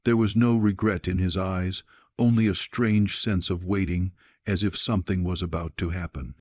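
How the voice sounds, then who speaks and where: A man narrating a scripted story in an even, measured way. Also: low voice.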